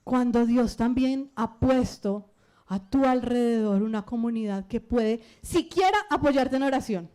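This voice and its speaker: A middle-aged woman pastor with a Colombian Spanish accent, preaching an animated sermon and putting questions to the congregation. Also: fairly high pitch, measured pace. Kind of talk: lively sermon.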